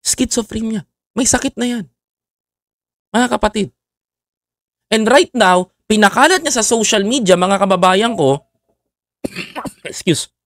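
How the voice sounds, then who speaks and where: A man's voice: high voice, expressive, a little slow, pauses often, no room sound, studio quality. A man delivering a mocking satirical monologue, needling his target with repeated taunts and calling out to his viewers. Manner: mocking, keeps addressing viewers as fellow countrymen. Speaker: satirical political vlogger.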